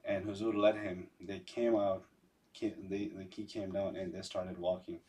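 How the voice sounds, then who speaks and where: A man recounting personal memories in a halting, conversational way, often repeating phrases. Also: low voice, level tone, warm tone, recorded from a distance. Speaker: podcast guest.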